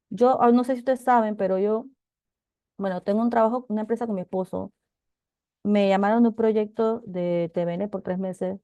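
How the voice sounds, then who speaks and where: A middle-aged woman teaching a Bible class, talking in an animated, chatty way with many asides and restarts. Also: mid-range voice, no room sound, dull audio. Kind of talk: casual testimony in a Bible class.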